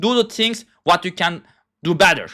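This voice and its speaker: A man's voice: high-pitched, normal speed, fairly bright tone. A young man with a Turkish accent in a heated, profane monologue, speaking in broken English. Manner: heated, profane, ungrammatical rant. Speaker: self-styled philosopher. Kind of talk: ranting monologue.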